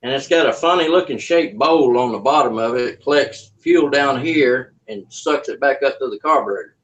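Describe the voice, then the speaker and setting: A man's voice: mid-range voice, moderate pace. A man, hosting a casual livestream and rambling folksily while he works on a carburetor. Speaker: livestream host. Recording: voice from a distance from the mic.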